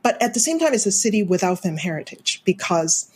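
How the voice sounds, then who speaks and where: A woman's voice: medium pitch, big pitch swings, fairly quick, husky. A middle-aged woman from Hong Kong, a film studies professor, answering interview questions thoughtfully, with fillers and light laughs.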